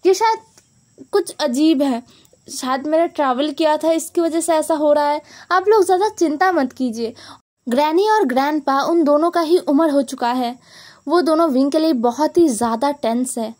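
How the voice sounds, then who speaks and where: A woman with a notably high voice retells a long story. She talks casually and chattily. She keeps adding little asides and explanations for the listener. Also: a little mellow. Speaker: story narrator.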